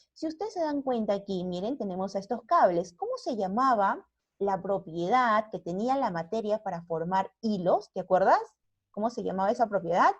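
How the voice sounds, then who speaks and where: A woman's voice: medium pitch, a little mellow, highs cut off. A female primary school teacher with a Peruvian Spanish accent giving an online science lesson, constantly asking rhetorical questions and checking in with the class.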